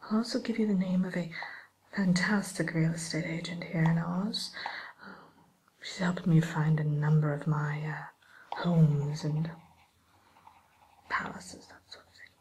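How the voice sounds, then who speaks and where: A woman voicing a sly, sweetly courteous wicked witch tutor in a hushed, musing ASMR roleplay. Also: sits low, steady tone, poor audio. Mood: haughty, helpful. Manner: hushed, unhurried, hesitant musing, faux-genteel.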